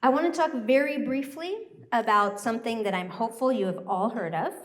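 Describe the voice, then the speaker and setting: Upbeat American woman giving a talk. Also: on the high side. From Thailand. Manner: upbeat, joyful and animated. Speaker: workshop speaker. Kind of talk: live presentation talk.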